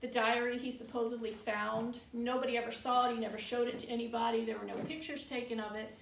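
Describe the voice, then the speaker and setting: A woman tour guide recounts local legends in a casual, skeptical, matter-of-fact way, her fairly high voice quick, flat and full of vocal fry. She's inside a room of an old bar building. The recording is roomy and echoey, with a distant mic and faint noise.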